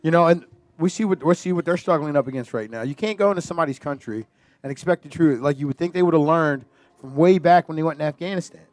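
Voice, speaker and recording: A man talking on a casual panel show, emphatic and quick to restart his phrases. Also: on the high side, darkish tone, no echo.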